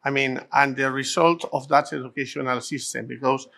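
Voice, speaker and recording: Bright-voiced middle-aged Basque-accented man. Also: medium pitch, flat delivery, moderate pace, gravelly. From Basque Country. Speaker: interviewee, language rights advocate. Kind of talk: interview answers in second-language English.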